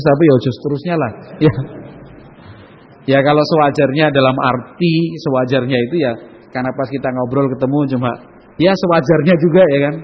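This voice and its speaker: An Islamic preacher with a husky, medium-pitched voice gives a casual, chatty religious talk, often asking listeners to agree and slipping into Javanese. The recording is dull and lo-fi, with long hall reverb.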